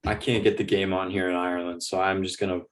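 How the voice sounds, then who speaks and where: A man's voice: deep voice, fast. A young man co-hosting a sports podcast in casual chat, joking and getting worked up. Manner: joking, animated and exasperated. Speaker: podcast co-host. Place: in Ireland.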